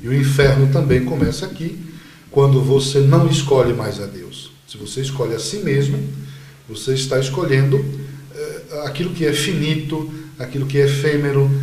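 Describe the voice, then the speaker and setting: Bahian male priest, sermon-like interview answers, somewhat high voice, roomy sound. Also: a little mellow, a little hiss or hum. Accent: Bahian Portuguese. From Bahia, Brazil. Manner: measured, sermon-like explaining.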